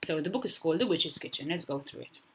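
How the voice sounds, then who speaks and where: A woman with a Maltese accent, a primary school teacher recording a video lesson, speaking slowly and clearly and sounding out letters for young children. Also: low voice, lively intonation, slight background noise.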